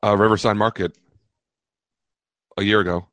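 A man's voice: lowish voice, fairly even intonation, normal speed, a bit bright, no echo. A man trading teasing banter with friends in casual podcast chat.

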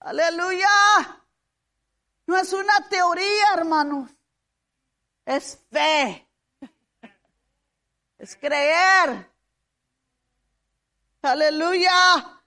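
A woman preacher delivering a fervent sermon, often shouting, with drawn-out hallelujahs and amens. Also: extremely high pitch.

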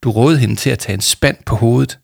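A man's voice: mid-range voice, creaky, a little mellow, no echo, studio quality. A man reading aloud voices Arthur, a shy schoolboy who mumbles hesitantly. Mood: mumbling.

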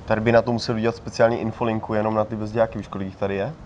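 Man interviewer, lowish voice, keen, clear traffic noise around. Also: little pitch movement, darkish tone, muffled recording. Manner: eager, repeats catchphrases. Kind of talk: casual chat.

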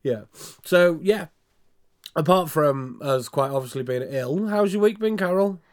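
A Scottish man co-hosting a casual chat podcast, his voice husky and nasal from a heavy cold, a bunged-up man flu sound. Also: fairly high pitch, animated, measured pace. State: ill with a cold: congested, blocked nose, cough, "man flu". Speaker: podcast co-host.

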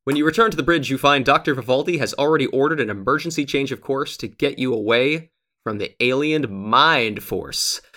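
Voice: mid-range voice, brisk. A host reading a gamebook aloud to friends, narrating the story and joking between passages. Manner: animated and joking.

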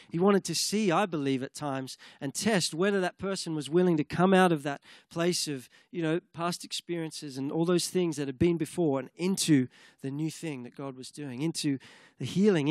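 An earnest man delivering a sermon, his voice sitting a little higher than most men's. The sound is dry and close, with no room echo. He sometimes moves into fervent spoken prayer. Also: normal speed, few pauses, darkish tone. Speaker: preacher.

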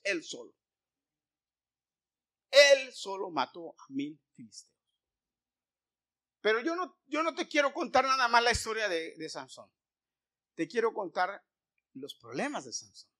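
A man preaching a sermon, retelling a Bible story in a lively way and putting questions to his listeners. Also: high voice. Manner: animated, asks the listeners questions.

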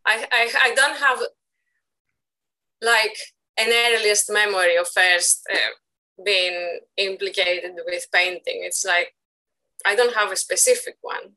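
A woman's voice: medium pitch, slow pace, bright, forceful tone, poor audio. A woman in her thirties from Greece, speaking with a Greek accent as a guest in a casual interview, thoughtful and searching for words. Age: 30s. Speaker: guest artist.

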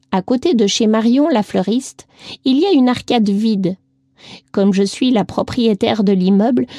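A woman voicing a stubborn old lady who is grumpy and greedy for tart, her voice often rising very high and slowing into a drawl. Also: mellow, no room sound, studio quality. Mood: kindly. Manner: squeals up high and drawls when delighted.

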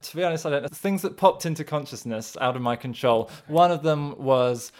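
A man co-hosting a casual podcast, talking in a halting, hedging way, restarting and correcting himself as he searches for words. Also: a little high, darkish tone. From England. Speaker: podcast co-host.

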